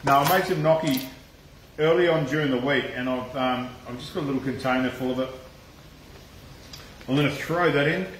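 A man's voice: medium pitch, brisk, long pauses, fairly bright tone, a little hiss or hum. An Australian man hosts a casual live cooking stream with a mid-range voice. His talk is loose and chatty, full of swearing and laughter. The sound bounces around an echoey room. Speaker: cooking channel host.

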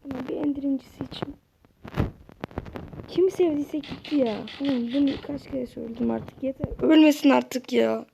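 A woman's voice: high-pitched, fairly even intonation, normal speed, vocal fry. A woman giving casual let's-play commentary to her viewers, exclaiming and grumbling in exasperation at the game. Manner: talks to viewers directly. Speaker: gaming channel host. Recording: dull lo-fi mic with loud hiss.

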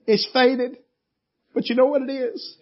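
A man's voice: extremely high pitch, measured pace. A male preacher, telling a folksy story in a sermon. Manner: folksy, animated storytelling with laughs. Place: church meeting. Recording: dull lo-fi church audio.

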